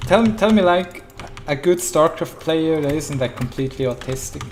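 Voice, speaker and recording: A man calmly commentating his own live strategy game, in a mellow, flat, laid-back voice, chatting and often laughing. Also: fairly high pitch, normal speed. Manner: mellow, flat monotone delivery. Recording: noisy with keyboard clatter. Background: keyboard typing and mouse clicks.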